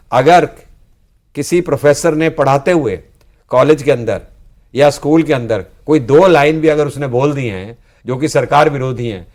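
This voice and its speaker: An older man, a senior politician, earnestly explaining past events in a studio discussion in speech. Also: mid-range voice. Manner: earnest, explanatory, frequently ends with "जी". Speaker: political guest, former student leader.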